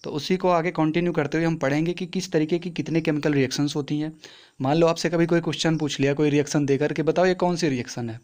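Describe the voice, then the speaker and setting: A man's voice: on the high side, little pitch movement, quick pace, a little mellow. A young man teaching a science lesson in a chatty classroom way, asking questions and answering them himself. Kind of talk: casual classroom explanation.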